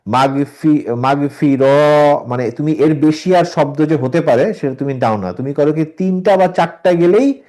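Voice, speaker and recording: A man teaching a Quran reading class online, who corrects his students and patiently explains the rules step by step, slowing down to demonstrate the recitation. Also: a little high, warm tone.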